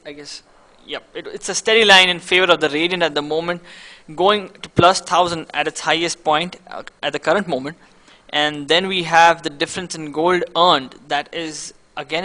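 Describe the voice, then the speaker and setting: A man's voice: a little high, sharp tone. A man from India co-casting a live esports match, rambling and conversational, often breaking off mid-sentence. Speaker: guest esports caster.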